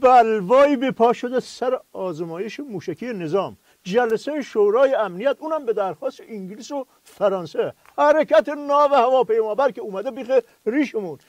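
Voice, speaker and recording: A man's voice: very high-pitched, lively intonation, few pauses, no echo. A man playing an exasperated questioner in a satirical radio sketch, ranting about the news. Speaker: interviewer in comedy sketch.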